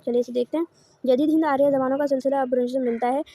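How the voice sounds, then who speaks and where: A woman's voice: high-pitched, steady tone, mellow, slight background noise. A woman giving an online lecture, asking rhetorical questions, answering them herself, and repeating each point in new words. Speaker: teacher. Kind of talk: online lecture explaining course notes.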